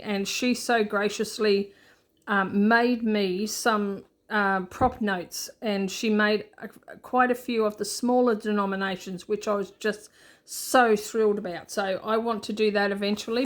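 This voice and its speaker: A woman hosting a budgeting channel, chatting casually as she shows her printables and laughs at herself. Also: mid-range voice. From Australia. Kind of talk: casual show-and-tell walkthrough.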